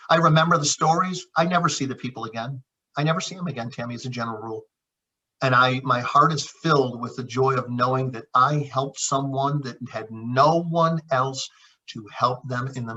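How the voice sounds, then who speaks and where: A man's voice: medium pitch, bright, forceful tone. A middle-aged man, a naturopath and chiropractor, telling personal stories in an earnest, reflective conversational way, often calling his co-host by name. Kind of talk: heartfelt conversational storytelling. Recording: dull lo-fi sound.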